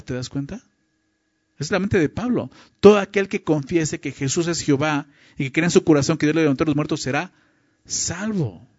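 Male pastor, sermon teaching, somewhat high voice, dry dull lo-fi sound, keeps asking the listener questions. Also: no echo. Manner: asks the listener frequent rhetorical questions.

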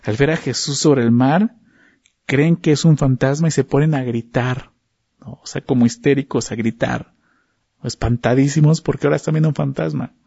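Gravelly-voiced man preaching a Bible study. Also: mid-range voice, normal speed, dark tone, no room sound, lo-fi sound. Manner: conversational, asks frequent rhetorical questions; repeats words and restarts often.

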